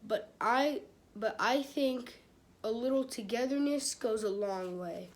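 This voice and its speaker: A woman reading a children's book aloud, stopping and restarting phrases and turning aside to chat with her live audience. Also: a little high. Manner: halting, with many restarts and repeated phrases. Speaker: read-aloud host.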